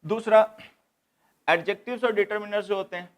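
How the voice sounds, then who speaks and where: A man's voice: high voice, fairly even intonation, a little fast. A man teaching English grammar to exam students, explaining step by step and repeating key points. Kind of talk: classroom lecture.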